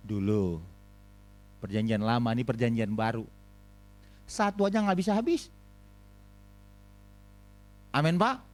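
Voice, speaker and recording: A man preaching a sermon as pastor, animated, swinging between high exclamations and low asides and calling on the congregation for amens. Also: slow pace, pauses often, soft background music. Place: church.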